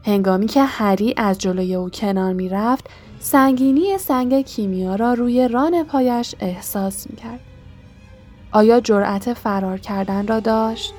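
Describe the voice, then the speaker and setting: A woman's voice: a little high, darkish tone, soft background music. A woman narrating an audiobook with dramatic, suspenseful delivery. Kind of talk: audiobook reading.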